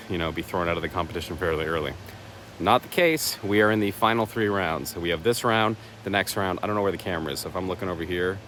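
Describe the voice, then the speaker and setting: A leaf blower and passing vehicles hum faintly as a deep-voiced man vlogs casually to camera in the woods. He's a horror contest vlogger with a fairly bright, slightly raspy tone, chatty and self-deprecating, rambling along with fillers.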